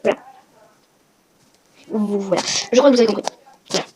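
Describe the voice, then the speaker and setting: A woman's voice: medium pitch, moderate pace, warm tone. A woman hosting a casual game walkthrough vlog, chatty and rambling, with self-mocking asides. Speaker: gaming video host. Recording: noisy with clicking sounds.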